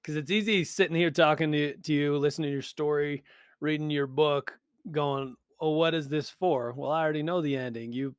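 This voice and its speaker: Male interview host, encouraging, smooth and slightly high, dry close sound. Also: fairly even intonation, brisk, no room sound. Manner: encouraging, brief reactions. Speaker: podcast host.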